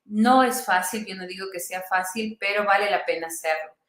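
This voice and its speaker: A woman doctor being interviewed, telling a patient's story in an earnest, tender way with pauses and restarts. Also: medium pitch, fairly bright tone, echoey room.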